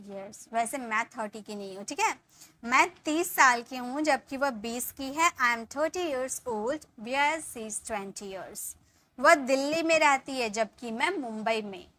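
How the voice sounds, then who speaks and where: Young woman, English teacher; high, bright voice; slow, deliberate dictation. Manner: slow dictation of example sentences, trailing off softly at sentence ends. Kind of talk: spoken English lesson.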